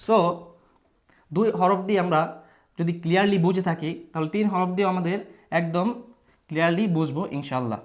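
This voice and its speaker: A man teaching an online reading lesson, patiently spelling out syllables and repeating them, with English words mixed in. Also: high voice. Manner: patient, repeats syllables slowly for students to follow; mixes English words into his talk.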